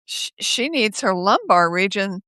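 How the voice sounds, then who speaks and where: Older woman telling lively stories with laughs. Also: mid-range voice, measured pace, dry recording. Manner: lively, laughs often, acts out quoted speech. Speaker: guest. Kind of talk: casual conversational storytelling. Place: home office. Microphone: video call.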